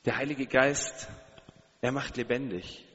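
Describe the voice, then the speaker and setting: A man's voice: mid-range voice, fairly even intonation, a little slow, a bit bright. Earnest male preacher in reverberant hall. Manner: earnest, direct questions to listeners, repeated emphatic phrases. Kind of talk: sermon. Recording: long hall reverb, dull sound.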